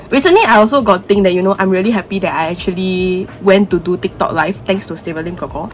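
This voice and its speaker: A young woman with a Singaporean accent chats to her viewers in casual Singlish. She slips between English and Mandarin and adds particles like lah and hor. Her voice sits at a medium pitch, with clear background noise around it. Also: a bit bright, rough recording. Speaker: vlogger. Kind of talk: casual chatty vlog.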